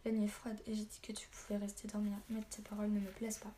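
Gruff, stern tavern keeper, read by a woman, blunt and flat-voiced in a storybook reading. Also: medium pitch, quick pace, close to an everyday voice. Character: gruff middle-aged male tavern keeper.

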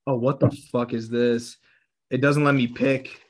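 A man's voice: mid-range voice, little pitch movement, measured pace, darkish tone. A young man hosting a casual chat, reading quiz questions and options aloud, swearing casually and laughing often.

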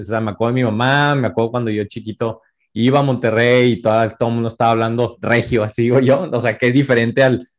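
A young Mexican podcast host with a Tijuana accent chats casually over a video call. His pitch is an easy middle, and his talk is loose and conversational, full of fillers and slang.

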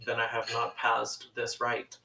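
A young man co-hosting a podcast in casual chat, teasing dryly and talking haltingly with many fillers. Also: mid-range voice, monotone, creaky, bright, forceful tone. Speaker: podcast co-host. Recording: roomy, mic at a distance.

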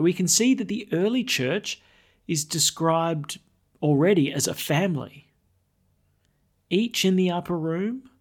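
Male priest w/ gravelly creaky voice, solemn measured church reading and preaching. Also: a little high. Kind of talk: liturgical reading and sermon.

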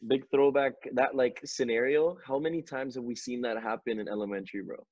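A man's voice: mid-range voice, steady tone, brisk, a little mellow, no echo, muffled recording. Laid-back man telling a story on a call. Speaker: podcast co-host. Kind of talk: casual storytelling. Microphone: video call.

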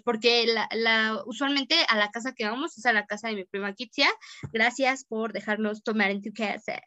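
A woman's voice: a little high, bright, forceful tone, no room sound. A young Mexican woman co-hosting a podcast, telling a story in casual chat full of slang. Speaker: podcast co-host.

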